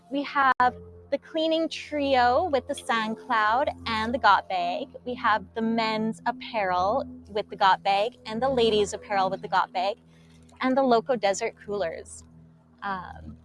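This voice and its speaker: A young adult woman co-hosting a casual live stream from a dock on a lake, chatty and quick to laugh. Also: fairly high pitch, fairly bright tone. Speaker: co-host presenting paddleboards. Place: outdoors on a floating dock on a lake.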